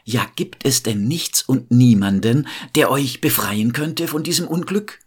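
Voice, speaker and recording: A man voicing a kind, brave young princess in a told fairy tale, speaking higher and louder than his own voice. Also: lively intonation, a little slow, slightly rough. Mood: eager.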